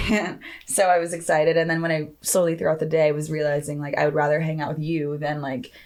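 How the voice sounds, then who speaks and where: A woman's voice: low-pitched, little pitch movement, fairly quick, a little mellow. A young woman hosting a podcast, chatting casually and rambling with lots of laughter and "like". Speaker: podcast host. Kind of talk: casual chat.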